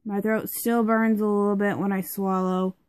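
Reviewing a product from home, a young woman chats and rambles with lots of fillers, her voice clogged by congestion. Her speech is medium-pitched and a little mellow, at a moderate pace with little variation in pitch, and the sound is dry without room echo.

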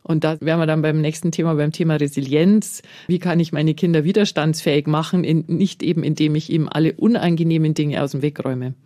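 A woman talks as an expert guest on a radio program. She explains things calmly and clearly, and now and then acts out what a parent might say. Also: sits low, brisk, few pauses.

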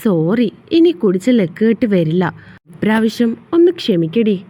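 A woman's voice: medium pitch, sing-song, moderate pace, dark tone, husky. A woman voicing an angry young husband who turns remorseful, in a storybook reading with curt, scolding lines. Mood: pleading.

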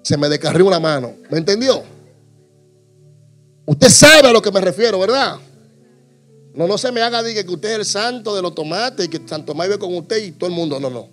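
A man preaches to his congregation, his voice sitting a little high. He jokes and acts out small everyday scenes as he goes. Faint instrumental music plays softly beneath the sermon. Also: animated, fairly quick, long pauses. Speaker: pastor.

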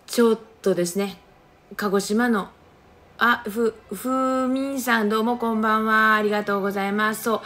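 A woman's voice: fairly high pitch, fairly even intonation, normal speed, pushed and bright. A middle-aged woman with a Kagoshima accent, chatting casually on a phone livestream and greeting viewers by name. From Japan, Kagoshima. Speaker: livestream host reading viewer comments.

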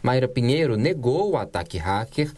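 A woman news reporter reading a scripted report in a steady, measured way. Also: extremely low pitch.

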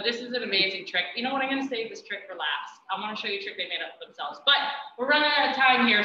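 A woman hosting a live animal trick demonstration, chatting excitedly and coaxing her animals with endearments. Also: mid-range voice. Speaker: dog trainer and show host. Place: out in the country. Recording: roomy echo, distant dull mic, noisy ambience.

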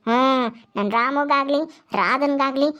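A woman voicing the vengeful ghost of a dead first wife, speaking low and threatening in a comic skit. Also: a little slow, sharp tone, dull audio.

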